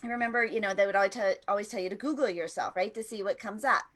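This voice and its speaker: A woman's voice: mid-range voice, rapid-fire, a bit bright. A woman co-hosting a casual morning show over a video call, bubbly and laughing often. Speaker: co-host.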